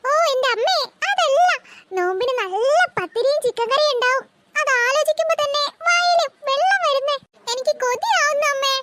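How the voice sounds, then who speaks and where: A voice actor doing Thumbi, a whiny greedy little cartoon girl. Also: moderate pace. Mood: pleading. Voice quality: very high-pitched. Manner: whiny, wheedling. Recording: loud background hiss.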